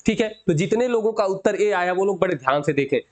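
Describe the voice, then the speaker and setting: A young man teaching a live exam-prep lesson. He addresses viewers as friends, asks his own questions and answers them, and slows down to stretch out the key words. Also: sits high, expressive, a little mellow.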